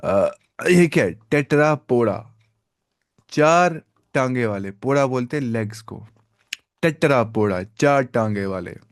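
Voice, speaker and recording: A man teaching a live online biology lecture, asking his students questions and answering them himself, repeating key terms slowly and mixing English science words into casual talk. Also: medium pitch, expressive, dry recording, clean studio sound.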